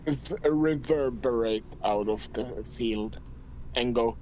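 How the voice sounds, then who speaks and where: A man's voice: medium pitch, slow pace, a little mellow, dull audio, a little hiss or hum. A man playing a tabletop game, casual and blunt, swearing freely. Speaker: player.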